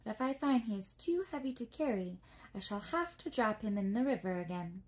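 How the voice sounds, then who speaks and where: Kind helpful stork bird played by a woman, gentle, soft-spoken, whispered role-play. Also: medium pitch, lively intonation, a little fast, natural voice. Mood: kindly.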